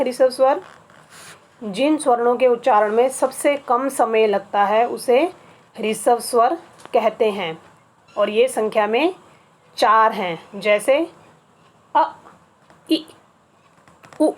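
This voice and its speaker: Slow, patient woman teaching a lesson. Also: a little high. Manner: patient, spells things out slowly with repetition. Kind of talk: Hindi grammar lesson.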